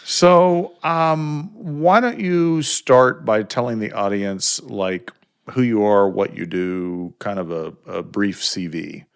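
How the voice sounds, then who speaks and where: Deep, gravelly podcast host. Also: male voice, steady tone, slow pace. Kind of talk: casual interview chat.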